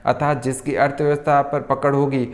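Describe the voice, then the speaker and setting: A man's voice: mid-range voice, flat delivery, a little fast. A male tutor giving an exam revision lecture. He reads out questions and answers them, and keeps slipping in the same stock filler phrase mid-sentence.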